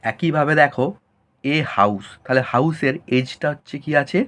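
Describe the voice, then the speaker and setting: A man teaching a grammar lesson, asking questions and answering them himself in a lower voice. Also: moderate pace, a bit bright.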